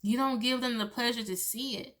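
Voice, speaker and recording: A woman's voice: a little high, fairly even intonation, fairly quick, a bit bright. A woman giving a loose, chatty tarot reading, swearing freely and laughing between thoughts. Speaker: tarot reader. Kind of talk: casual tarot reading monologue.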